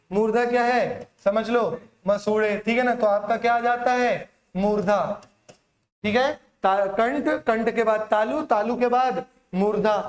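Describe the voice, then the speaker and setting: High-voiced guy teaching hindi for exams, keeps asking and answering his own questions, echoey classroom. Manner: repetitive question-and-answer drilling, asks and answers himself. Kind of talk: exam-prep classroom lecture.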